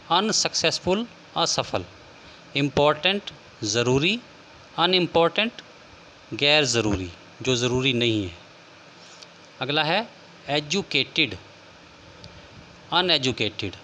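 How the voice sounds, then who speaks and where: A man's voice: a little high, pushed and bright, slight background noise. A man teaching an English lesson, explaining word meanings and spelling words out letter by letter.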